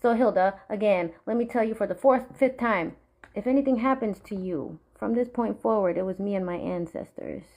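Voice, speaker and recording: A young woman from the Marshall Islands, ranting straight to camera in a profane, threatening way that sometimes sinks to a low, menacing murmur. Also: normal speed, a little mellow. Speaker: vlogger. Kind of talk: angry direct-to-camera rant.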